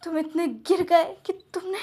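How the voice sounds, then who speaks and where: A woman voicing a heartbroken young man who accuses loudly while crying. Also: extremely high pitch, fairly even intonation, unhurried. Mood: accusing, crying. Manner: accusing, loud and tearful.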